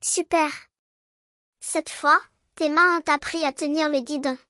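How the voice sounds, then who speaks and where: A soft, high and unhurried magical bicycle played by a woman from a children's storybook. It is tender and reassuring, encouraging a small child as if reading to a toddler, and sounds close and dry. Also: fairly even intonation, no echo.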